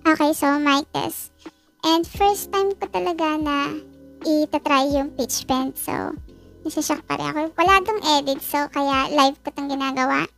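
A squeaky, childlike chipmunk voice, a woman pitch-shifted by a karaoke sound card, chattering through a live mic test. It sits very high and has a gravelly, crackly edge. Soft music plays faintly underneath. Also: unhurried, exaggerated voice. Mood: amused. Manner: chatty mic-testing, amazed at the device. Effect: high chipmunk-style pitch-shift from a karaoke sound card. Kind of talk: live product demo.

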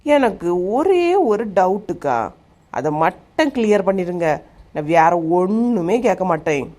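A woman plays a cheeky young cartoon village woman with a Kanyakumari Tamil accent. Her voice is at a middle pitch and sounds natural. She teases and coaxes in a wheedling, playful way. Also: sing-song, unhurried, warm tone. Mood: teasing. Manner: teasing, pleading. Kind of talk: animated comedy dialogue.

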